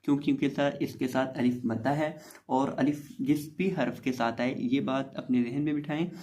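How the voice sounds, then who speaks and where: A man teaching a recorded Quran reading lesson, patiently explaining tajweed rules and spelling out letters before reciting words slowly and drawn out. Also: mid-range voice, steady tone, darkish tone, slight background noise.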